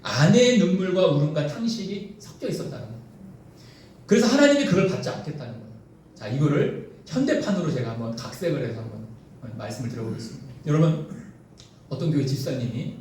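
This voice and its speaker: A pastor preaching a sermon in a church sanctuary, telling a story to the congregation with lots of animation. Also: male voice, on the high side, sing-song, fairly quick, darkish tone. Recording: echoey hall from far off, faint noise.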